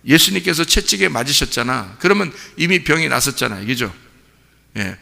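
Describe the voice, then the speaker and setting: A man's voice: mid-range voice, lively intonation, a little fast, creaky, pushed and bright, long reverb tail. A male pastor giving an early-morning sermon in a folksy, conversational way, acting out a mother and child in short quoted voices. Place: church sanctuary.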